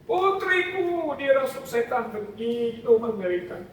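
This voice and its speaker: A woman's voice: a little high, expressive, measured pace, heavy reverb, distant mic, slight background noise. A male preacher voicing a desperate foreign mother who cries out and begs for help for her daughter. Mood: pleading. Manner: pleading, crying out.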